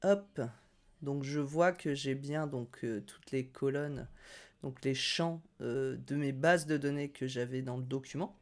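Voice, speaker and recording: A woman's voice: very deep voice, a little slow. Woman, upbeat no-code tutorial host, casual and chatty, hesitant fillers. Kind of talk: casual screen-share tutorial.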